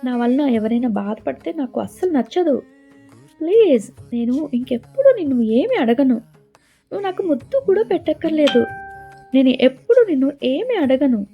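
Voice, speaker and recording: A woman voicing a tender young woman who pleads anxiously in a high voice, in a storybook reading. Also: very animated, normal speed. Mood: tearful pleading. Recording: dull lo-fi with faint music.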